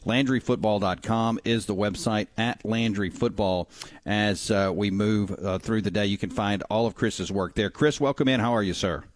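A man's voice: lowish voice, normal speed, no echo. A man hosting conversational sports talk on radio, close on a studio microphone. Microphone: dry studio microphone.

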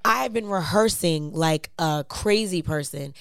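A woman speaks in a lowish, gravelly voice that is clearly hoarse and raspy. She chats casually and playfully, using plenty of slang as she tells stories. The sound is close and dry. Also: measured pace, no room sound. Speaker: performer, singer and dancer. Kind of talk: casual chat, animated storytelling.

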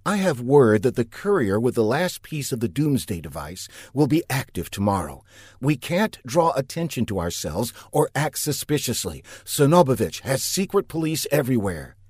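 A man's voice: medium pitch, very animated, normal speed, a little mellow, slightly rough, dry recording, clean studio sound. A man voicing a bossy, sarcastic female secret agent with a raised voice and a curt, scornful manner. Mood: scheming.

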